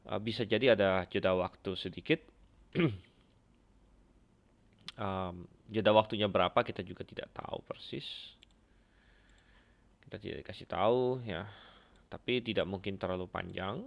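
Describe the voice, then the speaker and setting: A man teaching an online Bible class, unhurried, pausing often with fillers. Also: lowish voice, creaky, dull audio. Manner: unhurried, with many fillers and hesitations.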